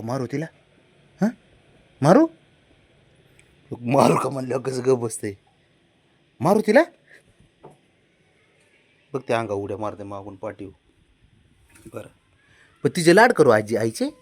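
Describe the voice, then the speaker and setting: A man's voice: medium pitch, sing-song, measured pace, long pauses. A man at home coaxing and teasing his pet cat in playful baby talk. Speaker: cat owner.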